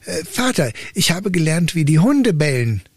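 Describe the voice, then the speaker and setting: A man's voice: on the high side, big pitch swings, normal speed, husky, no room sound, clean studio sound, voice pushed up. A man voicing a simple young son who earnestly answers his father.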